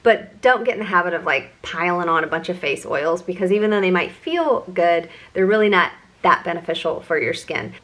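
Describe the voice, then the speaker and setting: A woman's voice: on the low side, animated, fairly quick, hardly any pauses, fairly bright tone. A middle-aged woman vlogger giving a chatty, enthusiastic product review. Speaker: beauty vlogger.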